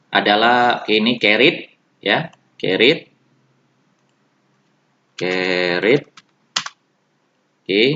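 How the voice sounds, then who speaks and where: A man with an Indonesian accent teaching an English lesson, speaking slowly and repeating each example word for his students. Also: lowish voice, sharp tone, slight background noise. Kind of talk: recorded classroom lesson. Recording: dull, roomy lo-fi recording.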